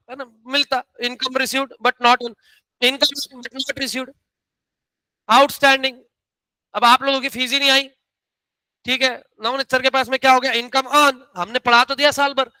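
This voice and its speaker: A man gives a classroom economics lecture in a high, very bright, crisp voice. He teases his students playfully and stretches out key terms as they write. The sound is dry and close. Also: no room sound. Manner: teasing, calls students beta, drags out key terms. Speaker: economics teacher.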